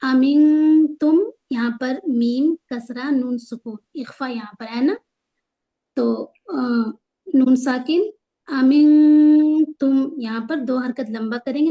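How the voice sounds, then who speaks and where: A woman teaching Quran tajweed, patiently explaining the rules and slowing down to stretch out each recited word. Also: sits high, highs cut off. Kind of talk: tajweed lesson, spelling out letters and drawing out recited words.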